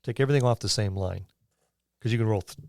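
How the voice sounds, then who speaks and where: A man hosts a casual tabletop role-playing podcast as an experienced game master, rambling and explaining things through examples. He talks quickly in a fairly low, slightly mellow voice with vocal fry, in a dry studio-quality recording.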